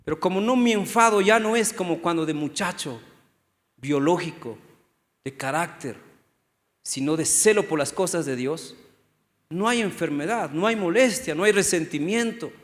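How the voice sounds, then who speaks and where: A middle-aged male pastor preaching a lively sermon, often asking the congregation questions and acting out what people say. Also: on the high side, normal speed. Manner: animated, asks the congregation questions, acts out quotes. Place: church hall. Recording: long hall reverb.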